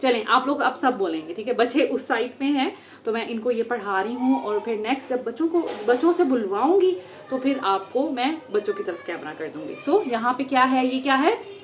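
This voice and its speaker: A woman giving a phonics lesson at home, sounding out letters slowly and with care. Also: on the high side, lively intonation. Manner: slow, drawn-out sounding of letters. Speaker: homeschool teacher.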